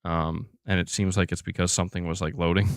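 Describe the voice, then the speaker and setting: This gaming news livestream host talks informally and conversationally, responding to chat as though hanging out with his viewers. His low-pitched, smooth voice moves fairly quickly in a level tone, and the audio is studio quality without echo.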